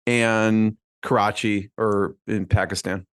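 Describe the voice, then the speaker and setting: A man's voice: lowish voice, level tone, takes it slowly, clean tone, no echo, studio quality. A male podcast host asking a guest curious follow-up questions. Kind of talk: interview questions.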